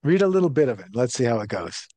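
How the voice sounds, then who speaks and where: A man's voice: mid-range voice, sing-song, fast, dark tone, dry recording. A man hosting an interview who speaks in an easygoing, encouraging way. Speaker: interview host. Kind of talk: relaxed interview.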